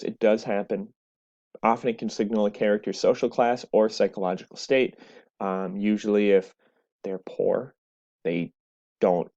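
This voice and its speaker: Patient explanations peppered with "so" and "right?" come from a man teaching a lecture recorded on a webcam. He has a mellow voice on the low side, captured with slightly dull audio.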